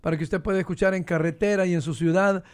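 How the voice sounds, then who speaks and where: A man hosts a radio interview in a high, light voice. He asks short prompting questions and reads station promos between answers. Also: fairly even intonation, quick pace, clean tone. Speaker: radio host.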